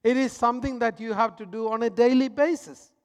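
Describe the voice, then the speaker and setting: A man with a high-pitched voice preaching a sermon in a big echoing church hall. He pushes some lines out loudly, then drops others to a near-whisper. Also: fairly quick, clean tone. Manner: dramatic swings between loud emphasis and hushed, soft lines. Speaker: pastor.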